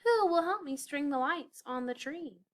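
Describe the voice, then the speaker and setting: A woman's voice: high voice, lively intonation, normal speed, voice pushed up. A woman voicing a cheerful little female elf who is sweet and patient but gets exasperated.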